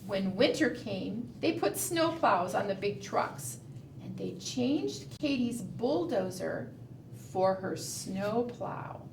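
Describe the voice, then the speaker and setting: At a slow pace, a mid-range, animated female voice reads to preschoolers and leads fingerplay in sing-song fashion, regularly asking the children questions. A distant mic captures the room's echo and a little background noise.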